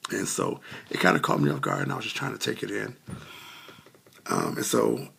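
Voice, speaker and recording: A man's voice: lowish voice, huge pitch swings, normal speed, gravelly, a bit bright, husky. A man telling a heartfelt personal testimony in a casual way, with many fillers, close to tears and still coughing a little. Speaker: vlogger sharing a testimony.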